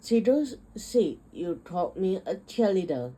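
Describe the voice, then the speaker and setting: Lady doing a frog flute player from a storybook, earnest, slow and low. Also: very animated, mellow, a little hiss or hum, rough recording. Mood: annoyed. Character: male frog musician, grumpy then grateful.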